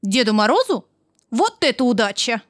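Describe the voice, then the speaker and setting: A woman storyteller voicing a gentle, dreamy snowman in a children's tale, soft and earnest. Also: fairly high pitch, very animated, moderate pace, no room sound, clean studio sound. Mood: wondering. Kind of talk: storybook character voice.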